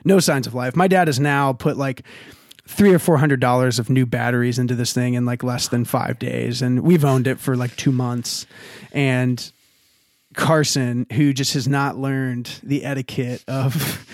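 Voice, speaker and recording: A young man tells a family story in a relaxed, chatty way, full of fillers, and breaks into laughter again and again. His voice sounds close and dry, with no room around it. His pitch sits in an ordinary middle range. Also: measured pace, no echo. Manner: animated, laughing often, many fillers. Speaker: podcast guest telling a story. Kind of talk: casual storytelling chat.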